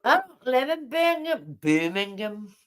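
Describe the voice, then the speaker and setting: Woman, middle-aged, unhurried, chatty livestream talk, rambling. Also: fairly high pitch, sing-song. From Newcastle, England. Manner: rambling, chatty, answers viewers' comments aloud. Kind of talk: casual chat.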